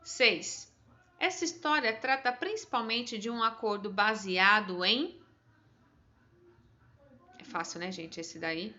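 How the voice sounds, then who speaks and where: Bright-voiced Brazilian teacher, encouraging pupils. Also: female voice, medium pitch, slow, pauses often, muffled recording. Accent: Brazilian Portuguese. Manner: patient, encouraging, chatty asides. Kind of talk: explaining a test to pupils.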